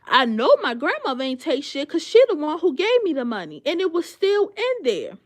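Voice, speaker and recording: A woman's voice: high-pitched, huge pitch swings, normal speed. A young woman on a livestream telling a heated story, profane and indignant, with lots of fillers.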